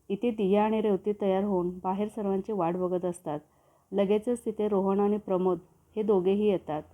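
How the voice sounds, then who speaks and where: A woman reading a love story as a storyteller, in steady, descriptive narration. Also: medium pitch. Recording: tinny phone-like sound.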